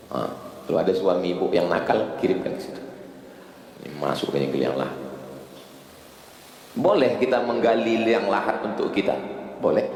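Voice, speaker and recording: A man preaching an Islamic sermon to a congregation in with a tinge, animated and joking, shooting up to very high pitch for emphasis. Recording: echoey hall from a distance.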